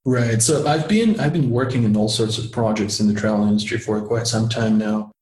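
A man's voice: on the low side, brisk, a little mellow. A man with a slight Russian accent answering conversationally as an interview guest. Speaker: interview guest, tech startup co-founder. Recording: roomy, echoey sound.

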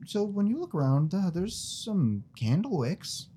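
A low-voiced woman acts as game master for a tabletop horror game. Her delivery is informal and playful, with lively swings in pitch. The room recording has clear background noise. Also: measured pace. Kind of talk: running a tabletop horror role-playing game.

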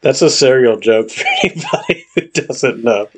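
A man's voice: medium pitch, huge pitch swings, normal speed, a little hiss or hum. A man co-hosting a podcast in casual chat, trading jokes and laughing at his own puns. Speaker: podcast co-host.

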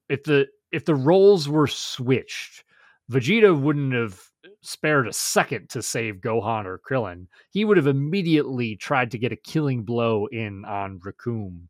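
A man's voice: mid-range voice, no room sound. A man talking in an easy, casual podcast chat, gushing with enthusiasm over what he's watching. His voice sits in an ordinary middle register. The recording is close and dry, with almost no room sound. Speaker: podcast co-host.

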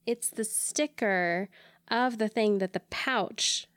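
A tired woman co-hosts a podcast, talking at length in an animated, self-deprecating way. Her voice sits at a middle pitch, recorded close and dry. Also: slow, no echo. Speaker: podcast co-host. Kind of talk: casual chat.

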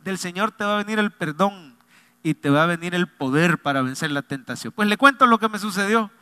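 A man's voice: high-pitched, animated, brisk, bright, forceful tone, clear, resonant tone, no echo. A man, a pastor preaching a sermon and telling a personal story in a confiding, joking way. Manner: humorous, confiding, addresses congregation directly.

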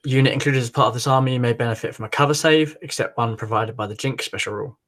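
A man co-hosting a podcast who reads out tabletop rules in a brisk, matter-of-fact way. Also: mid-range voice, fairly bright tone. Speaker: podcast co-host. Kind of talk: reading out game rules in casual chat. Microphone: remote call.

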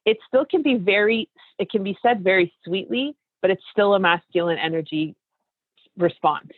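A woman's voice: mid-range voice, moderate pace, dry recording. Woman host on a tinny line. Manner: emphatic, coaching, addresses listeners directly. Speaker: podcast host and coach. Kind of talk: casual interview chat. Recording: tinny phone-like line, dry.

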